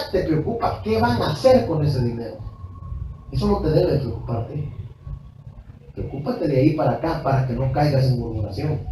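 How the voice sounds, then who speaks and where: A man's voice: fairly high pitch, a little mellow, a little hiss or hum. A male pastor preaches a sermon. He speaks emphatically and repeats himself, addresses the congregation directly and tells personal stories. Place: church hall. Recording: echoey church recording from far off.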